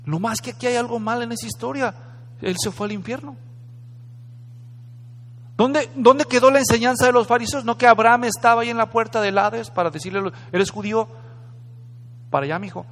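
A man preaches in a bright, high voice with a crisp edge. He talks dramatically and conversationally, asking questions of his listeners, and his voice carries with long reverb through a hall. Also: steady tone, a little fast, slight background noise. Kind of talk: sermon. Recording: echoey hall.

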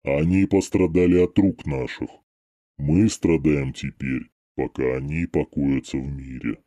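A man voicing an ancient dead male monk in a storybook reading, slow and trembling, with a cavernous echo on the voice. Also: extremely low pitch, steady tone, dark tone, highs cut off, voice pushed down. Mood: mournful. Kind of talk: storybook narration.

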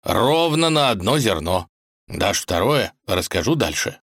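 Scheming, self-assured grey wolf, low and lively, read by a male narrator. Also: measured pace, no room sound, clean studio sound, exaggerated voice. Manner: sly, commanding, self-assured.

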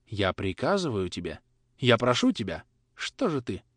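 A man's voice: lowish voice, very animated, moderate pace, no echo. A man voicing a stern, imperious elderly countess grandmother who drawls her words. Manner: drawling, commanding.

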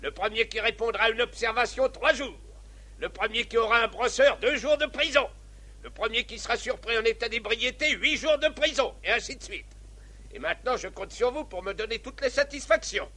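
Martinet captain for farce: bright, high, forceful drill-sergeant delivery, sarcastic and pompous. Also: male voice, a little fast, exaggerated voice. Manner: drill sergeant bark, clipped commands, mock politeness. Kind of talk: theatrical stage farce acting.

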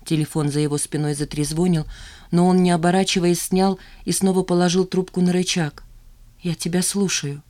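A woman reading a novel aloud in a measured narration. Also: fairly low pitch, level tone, mellow. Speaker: audiobook narrator. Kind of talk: scripted narration.

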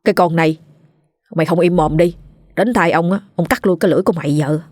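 A woman's voice: fairly low pitch, darkish tone, dry recording, studio quality, close to an everyday voice. Woman doing a frightened young servant boy. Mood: scared. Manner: hurried, fearful.

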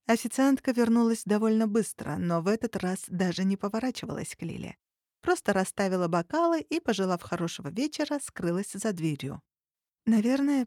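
Mellow woman narrating an audiobook. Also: mid-range voice, no room sound, studio quality.

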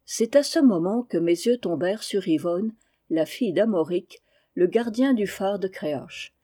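A woman reading a novel aloud in a steady, measured storytelling manner. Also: medium pitch. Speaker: audiobook reader.

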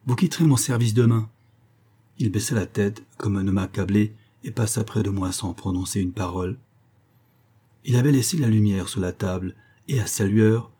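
A man narrates a classic detective tale in the first person with measured, steady pacing. His voice sits low, with a dark, mellow color. A husky grain runs through every line. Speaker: audiobook narrator.

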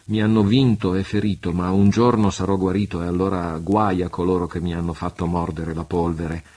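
A man voicing a proud, fierce pirate prince who speaks with a low, muffled intensity. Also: flat delivery, brisk, a little mellow. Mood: intense.

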